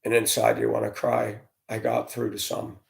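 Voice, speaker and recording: A man's voice: fairly low pitch, sing-song, moderate pace, vocal fry. A man who used to drive a school bus, telling his own story in an earnest, heartfelt way while venting his frustrations. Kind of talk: candid personal storytelling.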